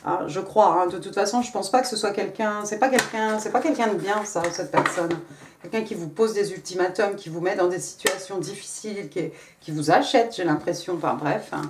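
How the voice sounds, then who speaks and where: A woman gives a casual tarot reading, talking straight to her viewers. Her delivery is chatty and loose, full of little fillers, at a middling pitch. The sound carries some room echo. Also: brisk, background noise. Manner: chatty, many fillers and hein. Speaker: tarot reader. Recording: echoey room.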